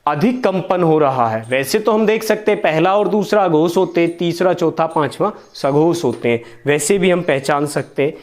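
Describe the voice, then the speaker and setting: A young man teaching a grammar lesson, speaking slowly and repeating each sound for his pupils to copy. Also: fairly high pitch. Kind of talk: online Hindi grammar lesson.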